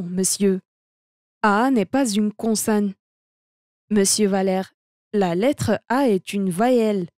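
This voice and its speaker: A woman reads a textbook lesson aloud at an unhurried, measured pace. She handles every part of the dialogue and the notation in the same steady, deliberate voice. The recording is close and dry, with no room sound. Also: mid-range voice, no room sound. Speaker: reader of a language textbook. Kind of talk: slow textbook read-aloud.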